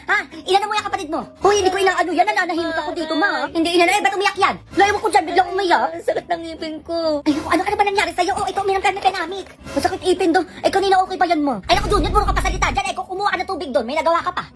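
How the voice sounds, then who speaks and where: A woman's voice: extremely high pitch, racing, hardly any pauses. A woman acting in a comedic family skit, bickering and whiny. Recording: music playing behind.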